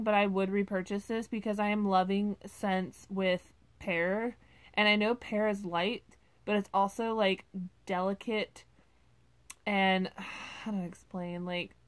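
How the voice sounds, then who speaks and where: A woman vlogger casually reviewing wax melts at home, chatty and gushing, with many ums and likes. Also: mid-range voice.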